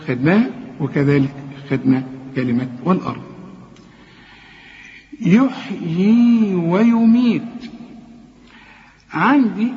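A man with an Egyptian accent teaching a Quran recitation lesson, patiently explaining rules and slowly repeating each word to demonstrate it. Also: fairly high pitch, a little mellow. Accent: Egyptian Arabic. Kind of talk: tajweed lesson with recited examples. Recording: reverberant, slightly dull recording.

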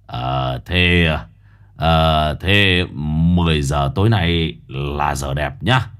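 A man voicing a greedy, crafty old fake sorcerer who talks low and wheedling. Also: extremely slow, fairly bright tone, exaggerated voice. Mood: sly. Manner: low, gruff, sly and wheedling.

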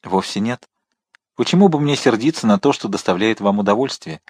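Calm fatherly old count, read by a man. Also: on the low side, brisk, slightly rough, no echo, clean studio sound. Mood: kindly. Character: noble older male count, calm and fatherly.

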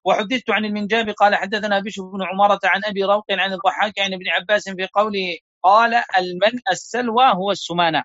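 Male sheikh, high voice, quick steady recitation, dull lo-fi online audio. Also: no echo. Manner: fast steady recitation of narrator chains. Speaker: sheikh teaching a lesson. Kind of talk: reading hadith chains aloud in an online class.

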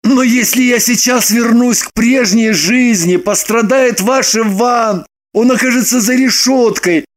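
An actor playing an excitable young man who bursts into shouts and pleads desperately. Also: very high voice, measured pace. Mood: pleading. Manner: loud, shouting outbursts.

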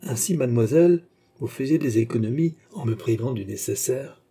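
A man's voice: mid-range voice, brisk, dark tone, breathy edge, lightly acted. A man reading an audiobook, voicing a grasping rogue who talks in a mock-serious, pompous way. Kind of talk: audiobook character voice.

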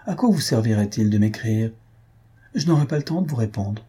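A man's voice: fairly low pitch, lively intonation, a little fast, mellow, breathy edge. A man reading aloud, voicing a composed young countess who answers with light, firm politeness. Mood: coolly polite.

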